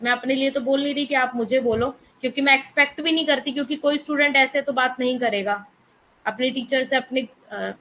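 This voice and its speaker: A woman teaching an online economics class speaks Hindi mixed with English terms and firmly scolds students in the chat. Her voice is high, fairly quick and fairly bright, and the recording is low quality.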